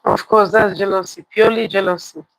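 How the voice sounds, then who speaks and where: This live folktale comes from a woman host whose mid-range voice moves briskly. She repeats phrases for emphasis and puts questions to the audience watching. No echo is present, though the audio is poor.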